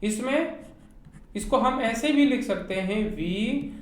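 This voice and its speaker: A woman teacher with a Hindi accent lectures slowly and patiently, her pitch rising and falling in a lively way. She walks her students through each point with rhetorical questions. The recording sounds very echoey, with faint noise behind her. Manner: slow, explains step by step with rhetorical questions to students. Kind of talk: online class lecture.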